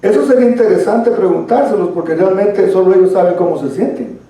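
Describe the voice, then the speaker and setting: A man's voice: high voice, fast talker, mellow. A man leading a church Bible study lesson, explaining at length and addressing listeners as brother, recorded from a distance in a church hall. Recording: echoey room, far from mic.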